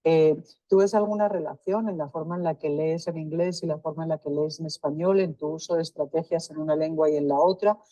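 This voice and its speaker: A woman with a low, mellow voice conducts a research interview. She speaks in a measured way, rephrasing each question at length. The sound is dry and close. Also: fairly even intonation, no echo, lo-fi sound.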